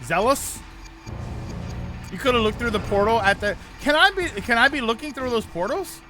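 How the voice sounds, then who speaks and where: A man's voice: very high-pitched, expressive, normal speed, pushed and bright, soft background music. A man streaming a game, giving casual live commentary and reacting aloud.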